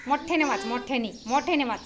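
A woman teacher running a reading game with young pupils, giving brisk directions and frequent praise. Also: high voice, crowd noise. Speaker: primary school teacher. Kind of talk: classroom reading game instruction. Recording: noisy outdoor recording.

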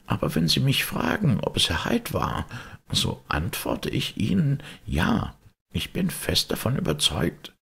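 A man doing a gravelly, frightened old servant. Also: low voice, huge pitch swings, unhurried, pitched above the performer's own voice, exaggerated voice. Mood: uneasy. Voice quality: gravelly, raspy. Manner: hushed, anxious and pleading. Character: frightened old male servant, loyal and trembling. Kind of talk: audiobook character reading.

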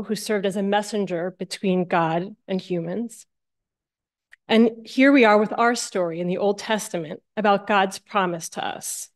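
Her voice is mid-range with a darkish tone: a middle-aged guest speaker from New Jersey, United States, preaching at a church lectern and weaving in personal storytelling.

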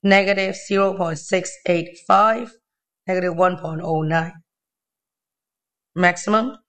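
Thin, weak, high-pitched male maths tutor. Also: steady tone, unhurried, a bit bright. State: unwell, weakened voice. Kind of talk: informal step-by-step tutorial narration. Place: indoors at a desk.

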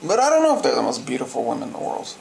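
A man with a noticeably creaky, gravelly voice chats casually. He words things carefully and dryly, over faint background noise. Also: mid-range voice, huge pitch swings, very fast, a little mellow. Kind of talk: casual chat. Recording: faint ambient noise, clinking dishes.

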